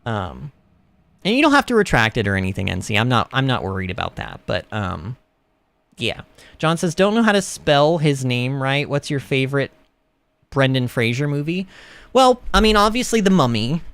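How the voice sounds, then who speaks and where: A man's voice: mid-range voice, huge pitch swings, normal speed, a bit bright, no room sound. A young man chatting casually while livestreaming a video game, rambling, laughing often and reading chat messages aloud. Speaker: streamer. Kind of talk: livestream gaming commentary.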